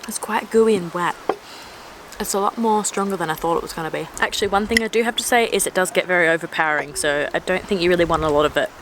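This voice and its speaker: A woman's voice: on the low side, quick pace, noisy background. A young woman chatting upbeat on a casual travel vlog, talking to a camera held at arm's length. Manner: chatty and upbeat, describing food and sights. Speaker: travel vlogger. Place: outdoors and in a tea room, on the road.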